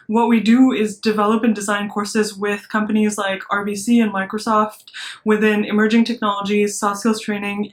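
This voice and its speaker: A young woman from Malaysia, a startup founder giving an earnest recorded talk to students, with many ums and restarts. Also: mid-range voice. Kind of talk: recorded motivational speech.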